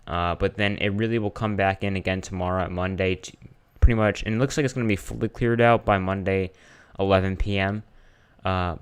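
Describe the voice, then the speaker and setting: A man's voice: on the low side, smooth. A man giving casual live weather commentary as a streamer, informal and hesitant, often thinking aloud as he checks his screen.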